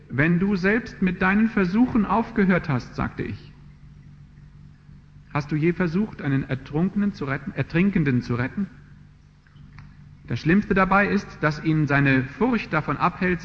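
A man's voice: on the high side, gravelly. A man preaching a sermon in an earnest manner, building to emphatic passages. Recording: dull lo-fi sermon recording with hall reverb and faint background noise.

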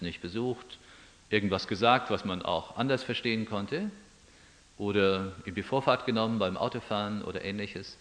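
A man's voice: lowish voice, a bit bright. A man preaching a sermon. He reads scripture aloud, then explains it in an everyday, musing tone.

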